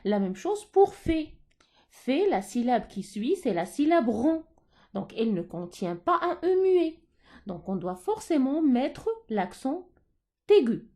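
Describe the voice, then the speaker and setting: A woman teaching a French grammar lesson to schoolchildren, talking slowly, repeating herself and stressing key words. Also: sits high, big pitch swings, warm tone.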